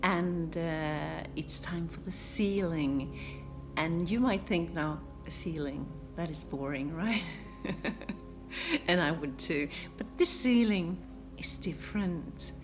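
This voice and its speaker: A Swedish woman in her fifties, a home renovation YouTuber speaking English non-natively with a Swedish accent, answers viewer questions in a relaxed Q and A vlog. Her lowish voice is full of pauses and ums, with music playing behind her.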